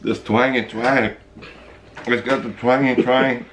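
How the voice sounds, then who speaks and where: A man's voice: mid-range voice, level tone, slow, a bit bright, a little hiss or hum. A man co-hosting a casual food-challenge vlog, drawling his reactions between exclamations. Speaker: co-host; father.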